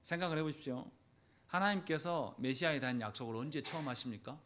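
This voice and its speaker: A man pastor preaching a sermon in a church, acting out quoted lines with sudden loud bursts. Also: fairly high pitch, quick pace, slight background noise. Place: church sanctuary.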